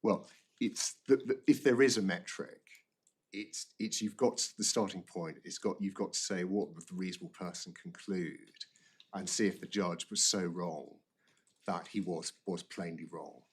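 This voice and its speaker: Deep, husky barrister making halting submissions. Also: male voice. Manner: halting, repeats words and phrases. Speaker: barrister arguing an appeal. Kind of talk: formal courtroom legal argument.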